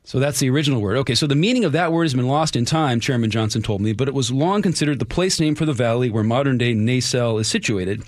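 A man's voice: mid-range voice, fast talker, hardly any pauses, no echo. A man, the show's resident historian, telling a local history story on a radio feature with chatty enthusiasm.

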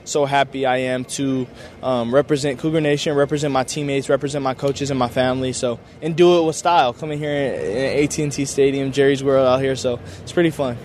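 A man's voice: medium pitch, steady tone, a little fast, darkish tone, a little hiss or hum. A young man, a college football player, answering media day questions in an enthusiastic, grateful, casual way with lots of filler words. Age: young adult.

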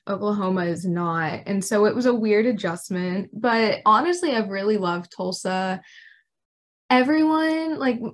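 A young woman from Arkansas with an American accent speaks in a casual, conversational interview. Her delivery is chatty and informal, sprinkled with "like", at a middling pitch for a woman. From Arkansas, United States. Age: young adult. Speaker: intern reporter being interviewed.

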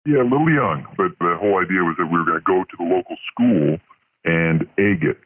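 A man's voice: sits low, a little fast, breathy edge, dry recording. A man calling in to a show, his voice disguised by a voice changer, telling a sheepish, jokey confession story. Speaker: caller. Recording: tinny phone-like line.

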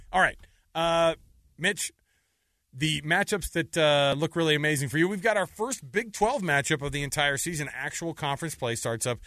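A chatty man co-hosts a sports podcast, running through the week's games in easy, casual talk. His voice has a bright, forceful edge, and the dry mic puts him close and clear. He laughs easily between points. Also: mid-range voice, no echo.

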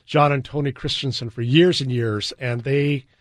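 An American man with flat vowels chats casually on the radio as a guest, in a folksy, halting way. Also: mid-range voice, no echo, studio quality. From US West Coast. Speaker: guest, garden show organizer.

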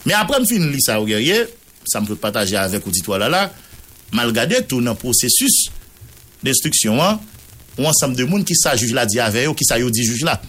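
A Haitian-accented man holds the mic on a news show, slowly reading a court ruling and name after name. He slips between French and Creole as he goes. His voice sits at an ordinary middle pitch. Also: big pitch swings, a bit bright. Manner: mixes Creole into French, reads long name lists. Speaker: radio news journalist.

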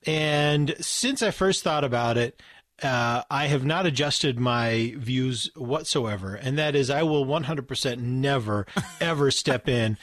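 A man co-hosting a radio talk show, trading dry, deadpan quips. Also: medium pitch, measured pace, no room sound. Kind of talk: casual radio banter.

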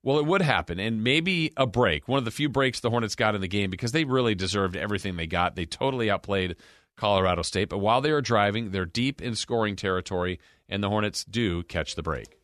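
A man with a slightly low voice and an American accent hosts a sports podcast. He talks through football games in a conversational way, stressing and repeating his points. The recording is dry, with very little room sound. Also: animated, brisk, fairly bright tone, no room sound. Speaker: sports podcast host and game broadcaster. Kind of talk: conversational football recap and analysis.

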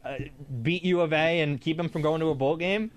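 A man's voice: a little high, fairly even intonation, fairly quick. A man with an American accent hosting a casual sports talk show. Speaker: sports podcast host.

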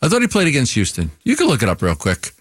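A man co-hosting sports talk radio, laying out his points in an analytical, measured way. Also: medium pitch, wildly swooping pitch, slightly rough, no room sound, clean studio sound.

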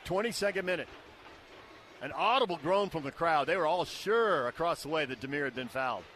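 A man's voice: fairly high pitch, animated, a little fast, a bit bright. An American man doing live play-by-play soccer commentary in short, clipped descriptions of the action, over stadium noise. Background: outdoor stadium ambience.

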